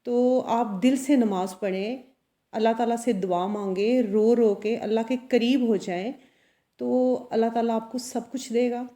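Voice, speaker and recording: A woman who runs a salon and a boutique talks to camera about her own life, earnest and confiding, often checking in with viewers through tag questions. Her voice is a little high and warm, unhurried, with fairly even intonation.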